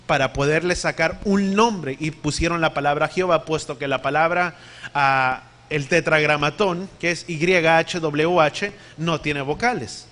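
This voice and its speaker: Man, preacher, high-pitched, emphatic teaching sermon, spells out words. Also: fairly bright tone.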